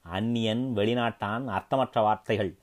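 A man voicing a wary, ambitious foreign warlord who speaks in a guarded, questioning, softer way, in a dramatic story reading. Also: lowish voice, fairly even intonation, normal speed, natural voice.

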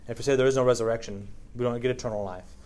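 A man's voice: mid-range voice, fairly even intonation, racing, a little mellow. A man preaching in a casual, conversational way, reading scripture aloud and often checking in with his listeners. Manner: casual, keeps checking in with "right?"; frequent fillers, reads scripture aloud. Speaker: preacher teaching a Bible study. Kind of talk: conversational sermon.

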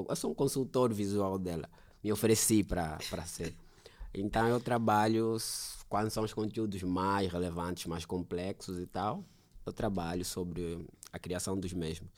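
A man's voice: low-pitched, darkish tone. A man chatting casually as a podcast host and talking about his own work. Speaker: podcast host, visual designer. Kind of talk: casual chat.

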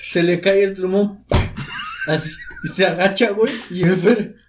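A man's voice: sits high, moderate pace. A young man with a Mexican accent telling school stories in a casual chat with friends, acting out quotes and laughing often. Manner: animated storytelling, acts out quotes, laughing often. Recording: noisy background.

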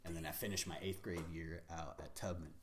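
A man's voice: low voice, steady tone, brisk, crowd noise. An American man from the Pacific Northwest telling personal stories in casual conversation, candid, slangy and profane. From United States, Pacific Northwest. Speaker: guest.

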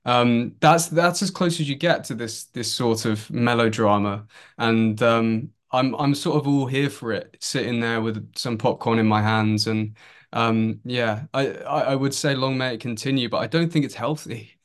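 A man's voice: mid-range voice, normal speed. A man, a sports journalist guest on a podcast, chatting casually in a wry, hesitant way. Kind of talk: casual football chat.

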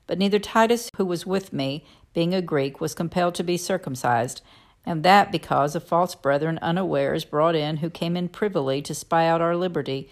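Female scripture reader, low register, solemn and declamatory, measured phrasing for archaic biblical narration. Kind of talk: solemn Bible reading aloud.

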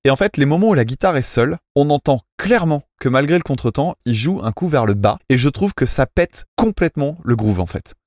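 A man with an average-pitched voice talks casually about music, full of hesitations and technical asides. He teases himself for being a purist. The sound is dry, with no room around it. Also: expressive, fairly quick, hardly any pauses, a little mellow, no room sound. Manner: chatty, many fillers, technical and self-mocking. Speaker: podcast co-host reviewing cover songs. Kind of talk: casual chat, music critique.

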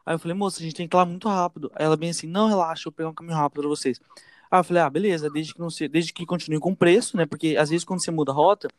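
Young man, rapid speech, slightly high voice, dry close sound, casual storytelling. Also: no echo. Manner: fast, animated, addresses listeners as gente and velho. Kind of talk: casual storytelling among friends.

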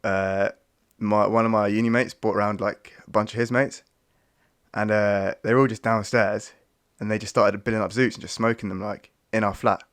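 A man's voice: lowish voice, level tone, normal speed, no room sound. A young man, co-hosting a podcast and telling stories in a laid-back, slangy way. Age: young adult. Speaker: podcast co-host. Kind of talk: casual chat.

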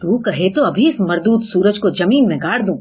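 A woman's voice: mid-range voice, lively intonation, dark tone, husky, dull audio. A woman doing a raging male jackal. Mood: furious boasting. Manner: blustering threats through gritted teeth. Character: hot-tempered boastful male jackal, husband.

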